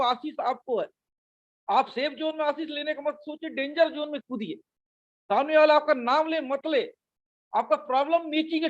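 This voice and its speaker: A man's voice: extremely high pitch, muffled recording. A male pastor delivering an urgent sermon, repeating his calls to the listeners again and again. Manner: urgent, repetitive exhortation.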